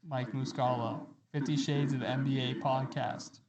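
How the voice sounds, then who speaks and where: A man co-hosting a casual podcast, talking through a voice changer that morphs and deepens his voice, joking as he tests it. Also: flat delivery, a little slow, a crowd in the background. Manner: joking, testing the gadget. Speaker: podcast co-host.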